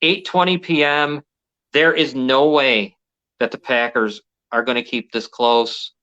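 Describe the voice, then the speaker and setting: Guy going over nfl spreads, kinda rambly, sharp bright voice, dull lo-fi sound. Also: mid-range voice, steady tone, measured pace, smooth. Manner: rambling, restarts thoughts, swears casually. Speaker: sports betting podcast co-host. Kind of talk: casual sports picks chat.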